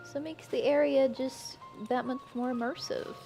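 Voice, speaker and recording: A woman's voice: high voice, steady tone, normal speed, vocal fry, warm tone, soft background music. A woman chatting casually on a stream while she plays a game, laughing often. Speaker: guest streamer.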